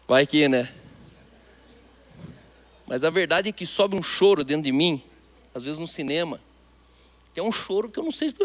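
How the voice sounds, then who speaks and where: A pastor with a Brazilian Portuguese accent preaches a sermon in a fairly high voice. He speaks emphatically, often shifting from loud declarations to quiet, hushed asides.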